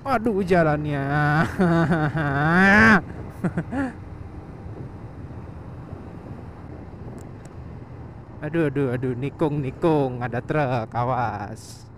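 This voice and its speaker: Riding outdoors on a village road, this Surabaya motovlogger speaks at a medium pitch, a little slow and somewhat mellow. His chat is informal and full of slang, and he calls himself by name, while his motorbike engine, wind, road noise and passing traffic fill the background.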